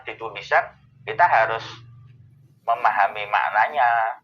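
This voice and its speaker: A man, explaining answers to a host's questions in a thoughtful way, pausing often to find his words. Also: lowish voice, lo-fi sound. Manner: thoughtful, with many pauses and fillers. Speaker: Islamic scholar answering questions. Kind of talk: explanatory Q&A talk.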